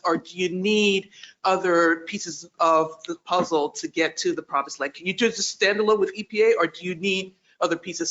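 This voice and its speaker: A man with a high, bright voice speaks earnestly and deliberately about funding. The audio is muffled and lo-fi. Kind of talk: casual meeting discussion.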